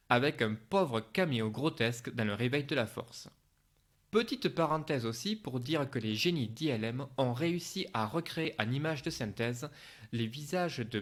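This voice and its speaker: A man reading a scripted film review as a voice-over narration. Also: mid-range voice.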